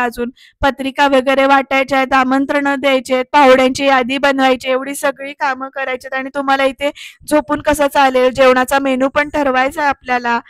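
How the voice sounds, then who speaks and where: A woman's voice: sits high, fairly bright tone, no room sound. A woman voicing a middle-aged mother who coaxes her unconscious husband to get up while crying. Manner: coaxing, crying.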